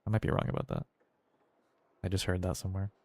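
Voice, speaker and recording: A man streams a game and chats casually, thinking aloud in a hesitant, laid-back ramble. His low-pitched voice is dark in tone, flat and quick, on a dry recording with faint music in the background.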